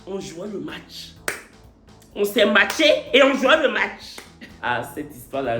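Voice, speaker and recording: A man's voice: sits high, a bit bright, roomy sound. A man telling his own love story to camera, a little tipsy late at night, theatrical and repetitive, playing with words. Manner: theatrical, repetitive, playful wordplay. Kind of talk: comic confessional vlog.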